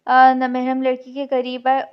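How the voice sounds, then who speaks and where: A taunting young man, contemptuous and cutting, read by a woman storyteller. The voice sits high and a little dull in tone. It is a lo-fi audio storybook recording. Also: completely flat delivery, measured pace, clear, resonant tone. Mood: scornful. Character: cruel, mocking young man.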